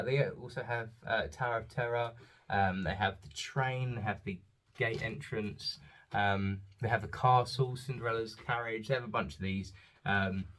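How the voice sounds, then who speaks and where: A man's voice: medium pitch, a little hiss or hum. A man and father, chatting casually at home as he shows off holiday purchases, with lots of ums as he goes. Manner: chatty, rambling, frequent ums. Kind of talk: casual haul vlog.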